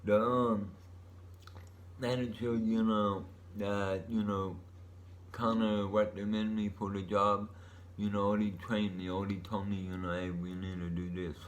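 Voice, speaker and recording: Man, low voice, casual solo vlogger; laid-back stoner-style delivery, meandering and unscripted. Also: little pitch movement, unhurried. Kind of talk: rambling casual monologue.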